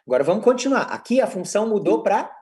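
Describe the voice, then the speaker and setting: A Brazilian-accented man delivers a lecture with a lively, swinging pitch. He teaches in clear steps and often poses a question before answering it himself, in the manner of a psychologist walking an audience through practical cases. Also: fast, heavy background noise. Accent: Brazilian Portuguese. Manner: didactic, asks and answers own rhetorical questions.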